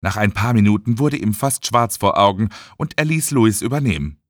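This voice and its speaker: A man reading an audiobook as narrator in a dramatic, expressive way. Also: fairly low pitch, normal speed, no room sound, clean studio sound. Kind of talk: scripted narration.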